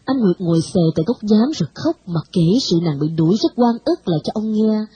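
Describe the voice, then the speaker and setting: A woman reading a novel aloud with expressive storytelling. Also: medium pitch, fairly quick, husky, no echo, low-quality recording. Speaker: narrator. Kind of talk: audiobook narration of a novel.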